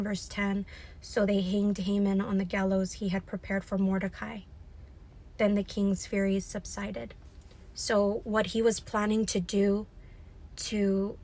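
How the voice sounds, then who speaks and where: A woman's voice: medium pitch, darkish tone, low-quality recording. A young woman in a casual vlog, chatting about her faith and retelling a Bible story, often saying "like" and "right.". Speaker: vlogger.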